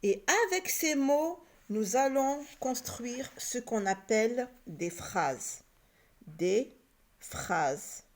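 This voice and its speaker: A woman teaching a reading lesson to children, slow and patient, repeating each point and sounding out letters and syllables. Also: a little high, expressive, darkish tone.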